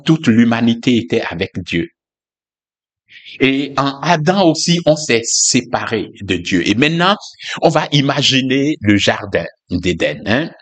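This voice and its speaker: A man's voice: mid-range voice, fairly bright tone. A man giving an informal, conversational sermon, musing aloud with frequent fillers and asides. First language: not English. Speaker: preacher.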